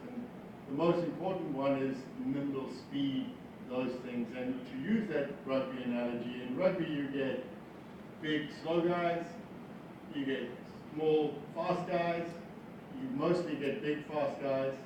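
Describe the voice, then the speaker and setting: Speaking a little slowly in a mid-range voice, a South African founder offers an informal, motivational business talk as a guest, leaning on wry humor at his own expense. A distant mic in a very reverberant space picks him up over noisy background sound.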